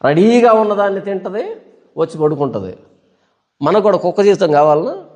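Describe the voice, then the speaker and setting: High-voiced preaching man in a reverberant hall. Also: expressive, normal speed, a little mellow. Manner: emphatic, asks the crowd rhetorical questions. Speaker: pastor. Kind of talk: sermon.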